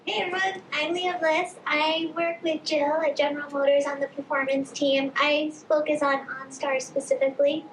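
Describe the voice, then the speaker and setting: A woman's voice: high-pitched, flat delivery, moderate pace, hardly any pauses, a little hiss or hum. A woman speaking as a panelist at a conference, upbeat and explanatory. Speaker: marketing panelist. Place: conference stage. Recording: echoey conference hall.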